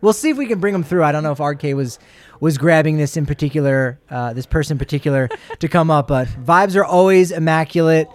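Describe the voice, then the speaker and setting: A man's voice: a little high, fast talker, no echo. A man co-hosting a sports show, chatting casually and rambling through sponsor plugs with jokey asides.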